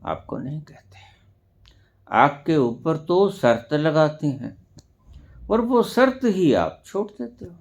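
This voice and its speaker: A man giving a spiritual discourse as a teacher, speaking deliberately with sudden loud emphatic rises. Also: fairly high pitch, big pitch swings. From India.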